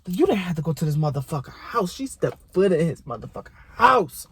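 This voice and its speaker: A young man with a fairly high voice rants casually about a show he watched. He is profane and animated, and he keeps talking straight to the characters as if they could hear him. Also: a little fast, husky, no room sound. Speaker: vlogger reacting to a TV show. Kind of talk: casual reaction rant.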